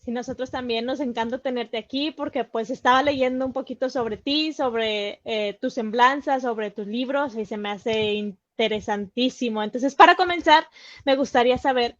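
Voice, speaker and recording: Woman host, bright high voice, upbeat welcome, dry dull sound. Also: normal speed, dry recording. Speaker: interviewer, host. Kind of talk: hosting a book fair interview.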